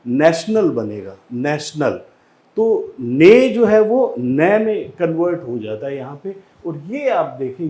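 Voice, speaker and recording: A man with an Indian accent teaching an exam-prep English lesson, explaining slowly and repeating each word for drill. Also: on the high side, a little mellow.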